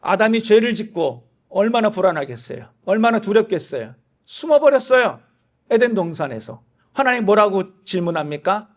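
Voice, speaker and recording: A man's voice: big pitch swings, normal speed. A male pastor preaching a sermon in a conversational way, asking listeners rhetorical questions and acting out quoted speech. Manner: voices quoted speech with shifts in pitch and loudness.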